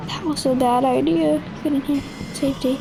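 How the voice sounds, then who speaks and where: A woman giving jumpy, excitable commentary over her own gameplay, often yelling at the game. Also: high voice, moderate pace, vocal fry, loud music behind the voice, rough recording. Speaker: gaming video creator.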